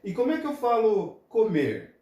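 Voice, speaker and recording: Male teacher, high and lively voice, slow drill-style delivery, echoey classroom. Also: highs cut off. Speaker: English teacher. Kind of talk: classroom lesson. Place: classroom with a board. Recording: echoey room.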